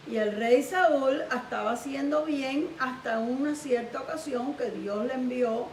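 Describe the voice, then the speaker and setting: A woman pastor telling a sermon story with lively animation. Her high voice echoes around the room, caught by a distant mic over a faint hiss. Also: measured pace.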